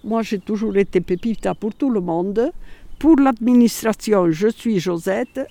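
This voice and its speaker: Older woman, Catalan accent, gravelly low-toned voice, chatty and hesitant interviewee. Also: measured pace, dark tone, no echo. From Catalonia, Spain. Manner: chatty, hesitant, many fillers. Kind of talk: casual recollection.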